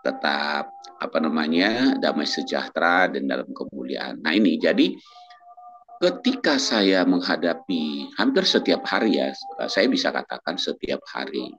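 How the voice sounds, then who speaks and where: A man, a doctor and church minister, telling his faith testimony in a casual talk-show chat, animated, quoting others and chuckling as he goes. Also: a bass voice, measured pace, muffled recording, over music.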